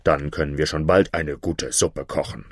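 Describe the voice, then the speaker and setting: A man voicing a strong, blunt blacksmith in a fairy tale, in a gruff, steady tone. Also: rumbling low, normal speed, no room sound, clean studio sound, voice pushed down.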